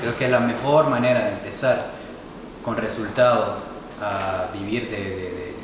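Man, 20s, hesitant, soft-spoken, roomy reverb, audible background noise. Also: fairly low pitch, fairly even intonation, normal speed. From Nicaragua, raised in Canada. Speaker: guest. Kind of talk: casual interview. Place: bright room, seated on a leather couch.

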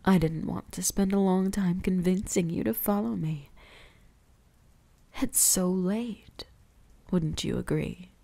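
Fully in character, a woman with a lowish voice roleplays a teasing, possessive vampire huntress for ASMR. Breathy and whispering, she delivers each line deliberately with gentle menace.

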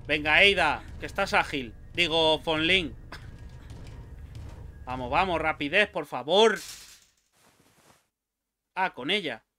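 Jumpy Spanish gamer yelping at scares. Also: male voice, fairly high pitch, animated, slow pace, pauses often, sharp tone. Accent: Spain Spanish. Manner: jumpy, swears and yelps at scares. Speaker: gaming YouTuber. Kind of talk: let's play commentary.

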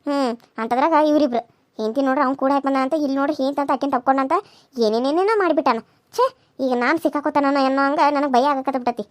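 A woman's voice: high voice, rapid-fire, no room sound, clean studio sound, lightly acted. A woman voicing a scheming older village mother in a cartoon serial, muttering sly asides in a North Karnataka accent. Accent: North Karnataka Kannada.

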